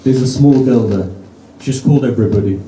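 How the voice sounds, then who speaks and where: A man's voice: mid-range voice, fairly quick, dark tone, slight background noise. A man preaching a sermon at a gathering in a private home, telling the story in short, emotive, dramatic lines. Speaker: majlis preacher. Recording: roomy sound from a distant mic.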